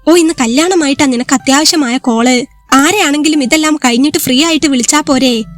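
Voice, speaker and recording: Motherly mother-in-law who fusses n scolds softly, a woman doing her, high voice. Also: a little fast, natural voice. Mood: scolding. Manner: fussing, gently scolding. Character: caring middle-aged mother-in-law.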